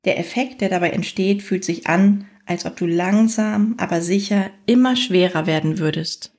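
A woman narrating a scripted guided fantasy journey in a soothing, unhurried manner, leaving long pauses between phrases. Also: fairly low pitch, darkish tone.

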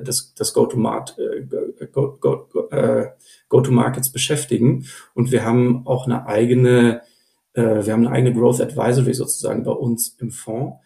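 A man's voice: medium pitch, creaky, dark tone, roomy sound. A man speaking as an investor guest on a podcast, thinking aloud with many fillers and restarts. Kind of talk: podcast interview.

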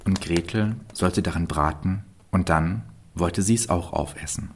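A man with a very low voice reads a fairy tale aloud, calm and measured. He tells the story with steady pacing and clear phrasing. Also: a little hiss or hum.

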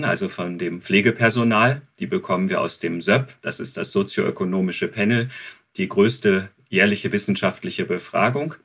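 A man's voice: low-pitched, fairly bright tone, husky. A man who heads research, explaining methods step by step as an interview guest.

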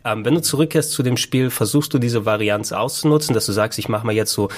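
A man's voice: mid-range voice, fast. A man hosting a casual discussion about video games in an easygoing conversational style. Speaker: host of a video game discussion. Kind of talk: casual chat.

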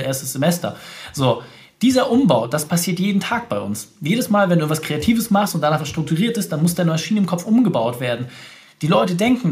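Male consultant guest, rapid and emphatic, speaks straight to the listener, voice a touch high. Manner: emphatic, direct, peppered with "ja" and "so". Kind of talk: podcast interview.

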